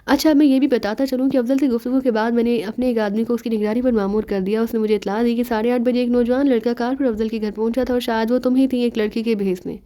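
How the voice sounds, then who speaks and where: A woman's voice: a little high, steady tone, few pauses, warm tone, close to an everyday voice. Woman voicing a sly rambling male detective. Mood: calm explaining. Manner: rambling, mocking, teasing. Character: sly joking male detective, young man.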